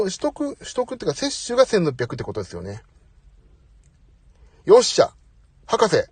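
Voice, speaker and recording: A man's voice: on the high side, a little mellow, no echo. A middle-aged man hosting a casual live audio chat, talkative, apologetic and self-deprecating, speaking into a phone. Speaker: host. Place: parked outside, away from home.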